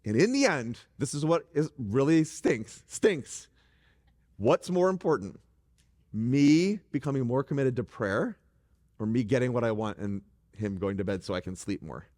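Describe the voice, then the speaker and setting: A middle-aged man preaching a conversational sermon from a church stage, animated and joking with the congregation. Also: medium pitch, measured pace. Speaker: pastor. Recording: reverberant church hall.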